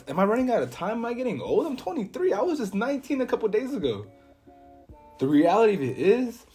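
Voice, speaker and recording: High-voiced young man, blunt pep talk. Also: darkish tone. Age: 20s. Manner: casual, blunt, swears often, emphatic. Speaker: vlogger. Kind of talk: motivational monologue.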